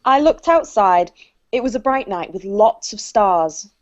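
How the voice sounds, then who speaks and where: A woman's voice: medium pitch, animated, unhurried, lightly acted. A woman reading an anxious wife who insists on reporting her missing cat, for a children's play. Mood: flustered. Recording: dull lo-fi video call audio.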